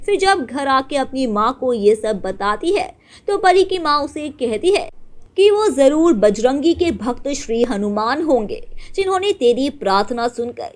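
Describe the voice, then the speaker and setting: A woman narrating a children's story in an animated, sing-song way. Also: high-pitched.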